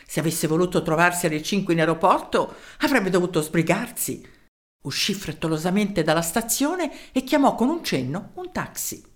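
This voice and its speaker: This expressive reading of a children's story comes from a woman whose voice is lowish, moving along at a moderate tempo.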